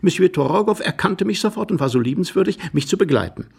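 An actor reading aloud and voicing Glafira, a flustered, effusive young society wife who gushes breathlessly. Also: male voice, high voice, animated, fast, creaky, a little mellow, husky, pitched above the performer's own voice, heavily acted. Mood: gushing. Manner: breathless, gushing, lilting.

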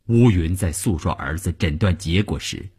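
A man reading a novel aloud for radio, highly expressive, sinking to whispers and swelling again. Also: normal speed, husky.

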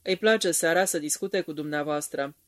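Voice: mid-range voice, no room sound, clean studio sound, natural voice. A reader doing an eager young man.

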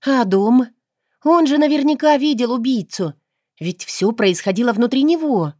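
A woman voicing a stubborn, sarcastic young heroine in an audiobook, talking in a lively, indignant way. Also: normal speed, no echo, studio quality, close to an everyday voice. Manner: lively, indignant, raised pitch. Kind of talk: audiobook character reading.

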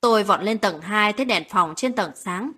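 A woman narrating a late-night romantic story in a calm, steady reading voice. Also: medium pitch, normal speed, husky.

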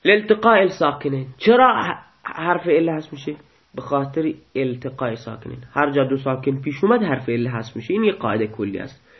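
Man teaching grammar slowly, lo-fi audio. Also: medium pitch, expressive. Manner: explains step by step, repeats verb forms slowly. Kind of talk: recorded Arabic grammar lesson.

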